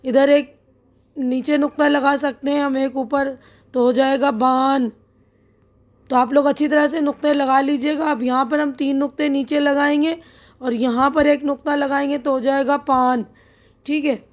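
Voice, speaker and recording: High-voiced woman teaching slowly. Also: little pitch movement. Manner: patient, spells words out slowly letter by letter; checks in often with the listener. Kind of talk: step-by-step classroom lesson.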